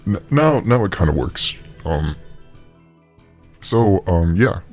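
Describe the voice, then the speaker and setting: A man streaming casually and testing a voice changer that makes his voice sound much lower. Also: huge pitch swings, very slow, darkish tone, faint music behind, exaggerated voice.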